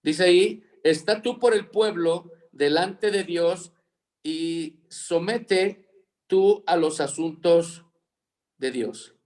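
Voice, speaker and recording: Man, Bible teacher, high voice, unhurried, dictates fill-in words, video call. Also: darkish tone. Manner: slow, repeats dictation for students to fill in.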